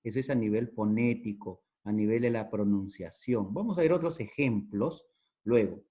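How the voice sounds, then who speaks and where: Mellow-voiced Peruvian man teaching. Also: lowish voice, moderate pace. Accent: Peruvian Spanish. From Peru. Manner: explains step by step, repeats key terms, checks in with the listener. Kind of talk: recorded lesson. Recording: dull lo-fi recording.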